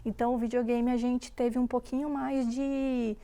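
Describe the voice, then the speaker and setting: Woman with a creaky, higher voice. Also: normal speed. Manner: animated storytelling with voiced quotes. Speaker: guest mother. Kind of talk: casual chat.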